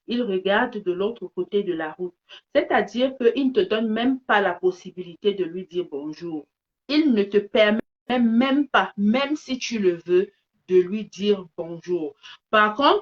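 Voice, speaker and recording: A woman's voice: medium pitch, muffled recording. A woman from Cameroon with a Cameroonian French accent, speaking emphatically and repeating her key phrases. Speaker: vlogger giving opinions. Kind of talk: passionate monologue to camera.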